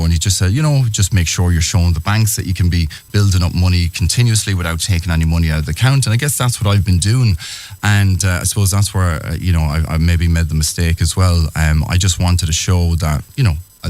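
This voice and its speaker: Low-voiced of man, earnest. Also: a little mellow. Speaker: interviewed guest, small business owner. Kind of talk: radio interview, personal account.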